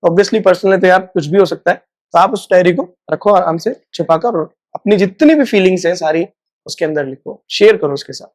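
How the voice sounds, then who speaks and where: A man's voice: high voice, a little fast, no echo, clean studio sound. A man teaching a spoken lesson in a chatty way, stretching out example sentences word by word. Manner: chatty, addresses viewers as guys and brother. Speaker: English teacher.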